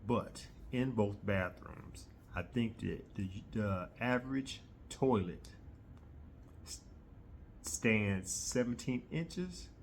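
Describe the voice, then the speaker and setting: A middle-aged man chatting casually to his viewers in a rambling, halting way, often pausing mid-sentence. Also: lowish voice, lively intonation, a little hiss or hum. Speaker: host of a hobby video channel. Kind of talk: casual rambling vlog chat.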